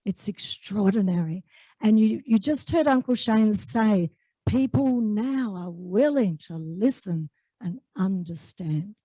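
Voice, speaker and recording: A woman's voice: mid-range voice, lively intonation, slow pace, mellow, no echo, rough recording. A woman with an Australian accent hosting an evening event in a large room, speaking enthusiastically with many fillers. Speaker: host and executive officer.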